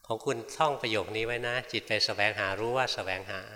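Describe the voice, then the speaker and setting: A male monk giving a fast, direct dharma talk and answering questions from the audience. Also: medium pitch, sharp tone, long reverb tail. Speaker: meditation teacher monk. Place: large meditation hall.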